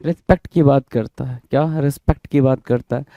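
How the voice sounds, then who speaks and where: A man's voice: mid-range voice, steady tone, a little fast, dark tone, no room sound, highs cut off. A man with an Indian accent teaching vocabulary, repeating each word, spelling it out letter by letter and quizzing the viewer. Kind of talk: vocabulary lesson in Hindi-English mix.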